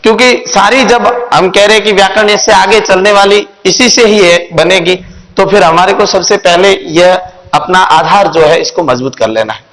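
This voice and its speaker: A man teaching Sanskrit grammar in a video lesson, spelling out sounds one by one in a slow, deliberate way. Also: sits high, fairly bright tone. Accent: Hindi. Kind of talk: classroom-style video lesson. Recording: echoey room with long reverb.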